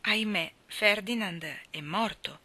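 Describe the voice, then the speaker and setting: A woman voicing a grave, consoling older lady who speaks in a soft, hushed, solemn way. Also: medium pitch, takes it slowly.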